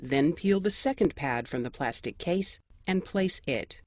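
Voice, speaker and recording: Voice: medium pitch, expressive, no room sound, lo-fi sound. Dry, precise American instructional narrator. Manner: measured, precise, formal.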